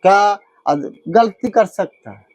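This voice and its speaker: A man with a Chhattisgarh accent, talking in a high, dry, close-up voice. He is earnest and insistent and keeps repeating his points. He sounds like a workshop owner chatting casually with an interviewer. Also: animated, slow pace, darkish tone, no room sound, dull audio. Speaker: idol maker and shop owner. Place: idol workshop.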